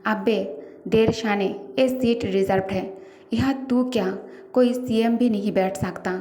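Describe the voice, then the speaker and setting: A woman's voice: mid-range voice, steady tone, measured pace, mellow, a little hiss or hum, natural voice. A woman playing a cocky, theatrical young man. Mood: boastful. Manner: boastful, theatrical. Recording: roomy echo.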